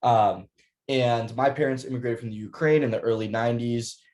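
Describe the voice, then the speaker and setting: A man's voice: medium pitch, steady tone, moderate pace, darkish tone. A young man, a college student, giving an earnest prepared presentation over a video call, with frequent fillers and restarts. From United States. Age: young adult.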